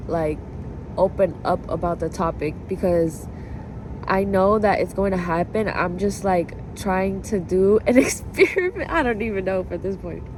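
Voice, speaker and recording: Her voice sits in the mid range, and there's noise in the background. This woman vlogger talks to camera in a loose, confessional way, introspective and meandering, with lots of "like" and repeated phrases.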